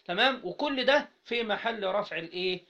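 A man with an Egyptian Arabic accent teaching Arabic grammar to a class, asking students questions again and again and spelling out syllables slowly. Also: high voice, expressive, sharp tone. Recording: dull lo-fi recording.

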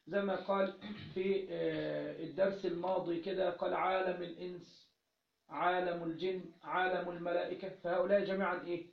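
A man's voice: high voice, vocal fry. A man with an Egyptian accent teaching a religious text, asking questions and then answering them himself, often repeating key phrases. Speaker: teacher of Islamic jurisprudence. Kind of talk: religious lesson, explaining a text. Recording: roomy, dull lo-fi recording.

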